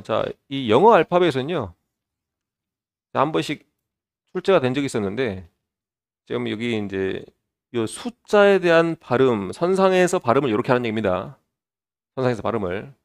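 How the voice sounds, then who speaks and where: A man teaching an online exam prep lecture, explaining step by step and opening his lines with a drawn-out filler. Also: mid-range voice, creaky.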